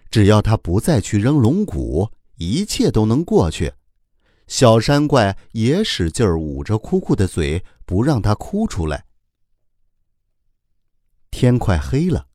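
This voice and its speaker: Male children's storyteller, very animated delivery, low-set voice, dry close-miked narration. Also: dry recording. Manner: animated, warm storytelling, many drawn-out particles.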